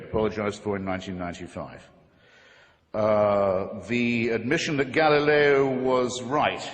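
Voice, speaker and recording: A man giving a formal debate speech to a live audience, wry and ironic, with measured oratory and pointed asides. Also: on the low side, big-room sound. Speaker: debate speaker.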